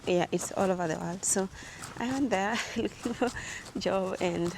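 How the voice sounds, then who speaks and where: A woman's voice: mid-range voice, a little slow, background noise. Chatty young woman vlogging outdoors. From Africa. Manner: lively, chatty, laughs often. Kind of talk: casual vlog storytelling. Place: outdoors, walking to the gym.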